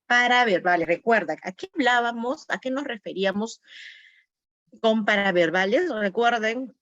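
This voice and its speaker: A woman's voice: on the high side, normal speed, fairly bright tone, no echo, muffled recording. A woman teaching an online class for teachers, going over quiz answers, naming students and repeating key words. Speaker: teacher training instructor.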